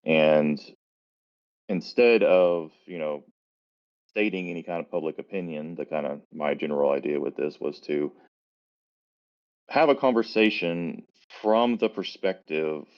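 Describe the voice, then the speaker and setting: A man's voice: a bass voice, normal speed. A man co-hosting a casual podcast, speaking in a thoughtful, hedging way through a muffled microphone. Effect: muffled, dull-sounding mic. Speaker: podcast co-host. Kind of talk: casual chat. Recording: muffled lo-fi stream mic.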